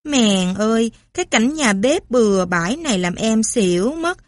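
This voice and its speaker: Woman playing a southern belle, coquettish, affected, higher voice. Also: expressive, normal speed, dry recording, natural voice. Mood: coy. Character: coy simpering southern belle.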